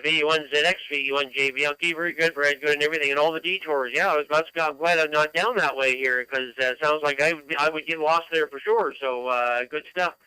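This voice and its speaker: A man calls a ham radio net in casual, procedural stock phrases. His voice is fairly high, quick and very bright, coming through a dry two-way radio transmission with static. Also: fairly even intonation, smooth, no room sound, poor audio. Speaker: amateur radio net controller.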